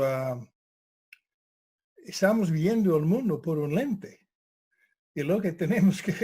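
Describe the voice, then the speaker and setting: Speaking Spanish as a guest, this older karate instructor, whose native language is English, muses conversationally on his art. He hesitates often and pauses repeatedly to find the right word, moving very slowly. The voice is pitched fairly high, mellow and warm.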